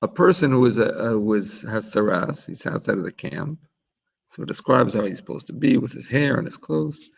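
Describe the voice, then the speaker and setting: Gravelly man teaching a relaxed religious class. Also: medium pitch, highs cut off. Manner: chatty, explanatory, many restarts. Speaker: Torah teacher.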